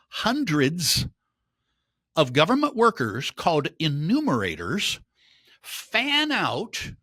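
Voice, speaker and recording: Sarcastic, animated male market commentator. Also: a little high, no room sound, clean studio sound. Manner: sarcastic, emphatic, rising to indignant outbursts. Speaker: podcast host.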